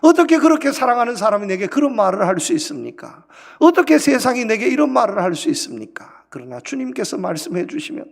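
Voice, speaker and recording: Male pastor, high and lively delivery, rhetorical sermon style, gravelly edge, reverberant sanctuary. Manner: preaching with rhetorical questions, rising and falling emphasis. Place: church sanctuary. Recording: long hall reverb.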